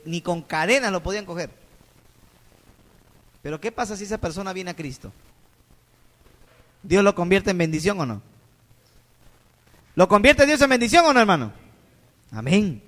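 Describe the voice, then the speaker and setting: A man's voice: high-pitched, pushed and bright. A man with a Peruvian Spanish accent preaching a sermon as pastor, firing rhetorical questions at the congregation. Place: church sanctuary. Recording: church hall reverb.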